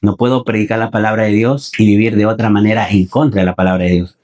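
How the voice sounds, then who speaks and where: A man's voice: fairly low pitch, flat delivery, fast talker, a little mellow. Preacher man asking rhetorical questions. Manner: repeats phrases, asks the congregation rhetorical questions; addresses listeners as brothers. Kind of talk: Sunday sermon.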